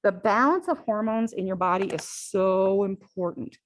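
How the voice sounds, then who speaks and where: A woman lecturing on physiology speaks at medium pitch and normal speed, keeping things conversational and often asking "all right?". The recording is low quality, with a little hiss or hum.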